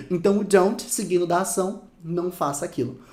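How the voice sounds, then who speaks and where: A man with a Brazilian Portuguese accent teaching English phrases in a casual lesson, lively and slowing down to repeat the examples. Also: high-pitched, roomy sound. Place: room with dogs barking outside.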